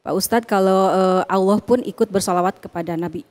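A woman's voice: mid-range voice, a little fast, darkish tone. A woman from the audience politely asking a question, with hesitant fillers.

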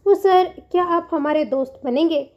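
A woman's voice: sits high, moderate pace, dull audio, close to an everyday voice. A woman voicing a mischievous young female doctor who teases with mock innocence. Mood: playful. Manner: teasing and sweetly innocent-sounding.

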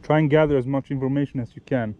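A young man gives relaxed, explanatory fishing tips outdoors by a lake, often restarting and correcting himself mid-sentence. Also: mid-range voice, fast talker, muffled recording. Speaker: fishing vlogger. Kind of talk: casual instructional talk while fishing.

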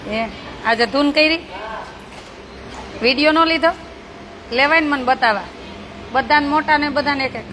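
A woman's voice: sits high, moderate pace, pauses often. A woman who runs a charity for slum children. She talks casually with the kids, teasing, coaxing and scolding them in a playful but bossy way. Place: among a group of children. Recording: noisy crowded outdoor ambience.

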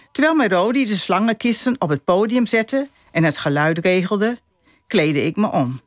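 A woman's voice: medium pitch, dry recording. A woman reading aloud from her own memoir in a radio studio, telling the story expressively and leaning into the quoted dialogue. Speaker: author and guest.

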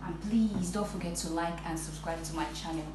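A woman's voice: fairly low pitch, a little fast. A woman, explaining each step as she cooks in her home kitchen, recorded on a phone. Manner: plain step-by-step, addresses viewers as "guys". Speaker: cooking vlogger. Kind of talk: casual cooking walkthrough. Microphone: phone camera. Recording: echoey kitchen with loud background noise.

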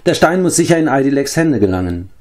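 A man voicing a grumpy, gruff male dwarf in a storybook reading, grumbling as he talks. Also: medium pitch, big pitch swings, fast talker, a little mellow, pitched above the performer's own voice, close to an everyday voice.

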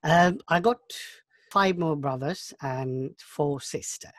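A man in his fifties from Bangladesh, recalling his life in an interview, talking thoughtfully with halting restarts. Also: a little high, no echo. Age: 50s. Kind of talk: oral history interview.

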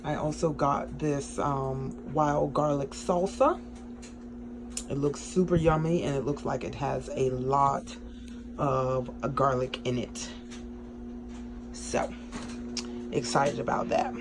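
An upbeat woman runs through a casual grocery haul vlog in her cramped home kitchen. She chats freely and keeps stopping on ums. The phone recording carries a clear layer of background noise. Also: very deep voice, takes it slowly, pauses often. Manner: chatty and excited, with many ums. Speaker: vlogger.

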